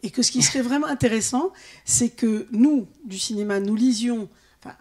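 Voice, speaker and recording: A woman's voice: fairly high pitch, moderate pace, darkish tone. A woman film scholar giving an explanatory comment from the audience during an academic discussion.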